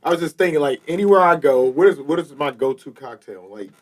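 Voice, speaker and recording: Lisping man with whistling s, slightly high voice. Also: expressive, fast talker. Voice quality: lisp with whistling s. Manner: profane, slangy. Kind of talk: casual group chat.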